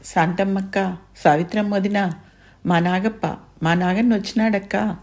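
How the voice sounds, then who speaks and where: A woman's voice: medium pitch, fairly even intonation, moderate pace, darkish tone, pitched above the performer's own voice, close to an everyday voice. A woman voicing a grieving elderly village mother, speaking with a Rayalaseema accent in pleading, sobbing dialect speech. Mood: weeping. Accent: Rayalaseema Telugu. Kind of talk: dramatized story reading.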